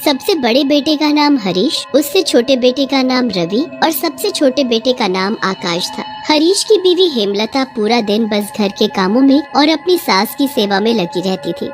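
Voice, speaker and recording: A woman with a fairly high voice tells a scripted horror story in a steady, expressive way. Faint music plays behind her. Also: normal speed, hardly any pauses.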